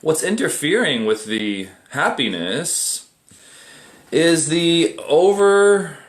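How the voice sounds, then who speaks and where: Animated, conversational male meditation teacher. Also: fairly high pitch, slow. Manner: relaxed, conversational, asks rhetorical questions. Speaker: meditation teacher and group admin. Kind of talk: casual livestream meditation talk.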